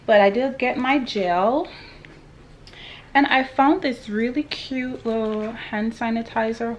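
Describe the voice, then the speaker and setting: A woman's voice: mid-range voice, lo-fi sound. Chatty woman vlogging to a handheld camera. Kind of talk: casual day-in-the-life vlog. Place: home kitchen and car. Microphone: phone or camera held at arm's length. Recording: noisy background, car air conditioning.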